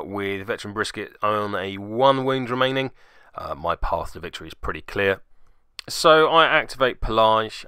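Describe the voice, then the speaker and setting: This British host of a tabletop battle report channel speaks on the low side, pushed and bright, with a clear, resonant tone. The studio sound is clean with no echo as he rambles through an unscripted recap in a wry, self-deprecating way.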